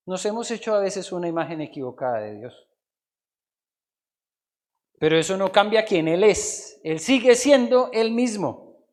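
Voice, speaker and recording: In a church, a Colombian pastor preaches a sermon in a voice that runs high for a man. His delivery is dramatic, falling to soft asides before climbing to loud, emphatic declarations.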